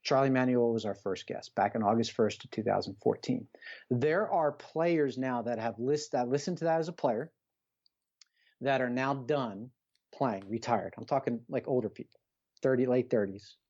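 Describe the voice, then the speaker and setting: Speaking at a normal speed, this middle-aged coach has a mid-range, slightly mellow voice, and the audio sounds dull. As a podcast guest he motivates listeners conversationally, earnest and emphatic, repeating phrases and posing rhetorical questions.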